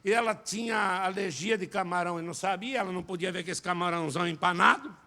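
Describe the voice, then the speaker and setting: A Brazilian man preaches in a church, his voice pitched high with a gravelly edge. He tells his story with lively, forceful delivery, acting out the scenes and breaking into shouts. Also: quick pace. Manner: animated storyteller, acts out quotes, shouts at climaxes. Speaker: pastor and singer. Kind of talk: sermon with personal testimony. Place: church service.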